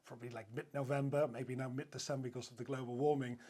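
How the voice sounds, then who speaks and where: With a warm, level, mid-range voice and a quick pace, this Dutch man from the Netherlands is a guest on a podcast. He's a hotel sales director, eager in a casual interview chat and prone to fillers and restarts.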